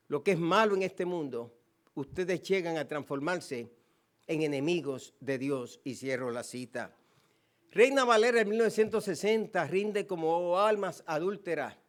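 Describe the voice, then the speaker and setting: Man, Puerto Rican accent, pastor preaching, high voice, emphatic repetition. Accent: Puerto Rican Spanish. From Puerto Rico. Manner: emphatic preaching with repeated phrases and quoted scripture. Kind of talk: sermon.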